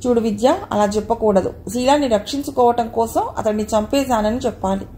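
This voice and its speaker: A woman reader voicing a gentle young man who coaxes and teases his beloved in an audio novel. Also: on the high side, fairly quick, a little hiss or hum, close to an everyday voice. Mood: coaxing. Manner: coaxing, playful.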